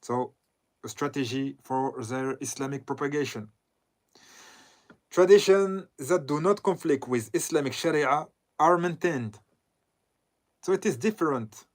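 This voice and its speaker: Slow, halting man lecturing. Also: fairly high pitch, animated. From southern Lebanon. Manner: halting, with frequent "uh" pauses and self-corrections. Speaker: Islamic scholar lecturing. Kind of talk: lecture commenting on a read text.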